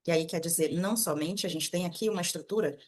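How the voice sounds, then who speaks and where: Slow, careful Brazilian woman teaching English. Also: fairly low pitch. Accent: Brazilian Portuguese. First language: Portuguese. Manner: reads English slowly and clearly for repetition. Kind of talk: language lesson with slow read-aloud.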